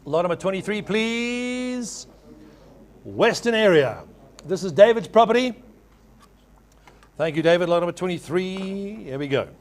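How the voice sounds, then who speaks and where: Give me a male auctioneer with a high-pitched voice. He runs a live property auction, addressing bidders formally and repeating figures as he calls for offers. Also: animated. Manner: repeats figures in rapid chant when taking bids.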